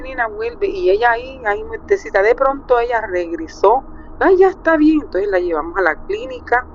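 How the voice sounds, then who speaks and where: A middle-aged Colombian woman with a Colombian accent, calling in to tell a personal story with emotion, acting out quotes. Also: medium pitch. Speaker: caller. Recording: muffled call with faint hiss.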